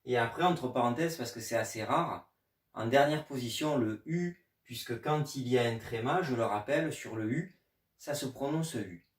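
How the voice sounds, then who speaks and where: Man teaching in an echoey room. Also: mid-range voice. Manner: patient, spells out letters slowly. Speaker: Chinese language teacher. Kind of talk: explanatory video lesson. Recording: echoey room, mic at a distance.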